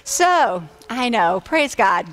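A woman pastor in her fifties preaching a sermon on a church stage through a headset mic, energetic and encouraging, calling out amens. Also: on the high side, slow. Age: 50s. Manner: energetic and encouraging, with whooping shouts and amen calls.

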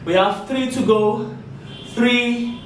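Counting and cheering between puffs, a middle-aged fitness instructor leads an aerobics workout from an exercise mat with short, strained, encouraging cues. He speaks slowly in a very high voice, inside a tiled room.

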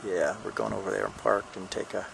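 Here's an older man's fairly low, creaky voice with a fairly bright tone, talking a little fast. He's a hiker vlogging on a handheld camera along a windy mountain trail, casually narrating with rambling jokes and lots of fillers. There's slight background noise.

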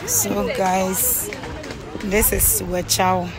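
Slow-talking woman vlogging on the road. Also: mid-range voice, flat delivery, a crowd in the background. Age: young adult. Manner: chatty, addresses viewers directly. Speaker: travel vlogger. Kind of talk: casual travel vlog. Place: outdoors on roads and in vehicles. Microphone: phone at arm's length. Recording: loud road and vehicle noise. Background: traffic and engine noise.

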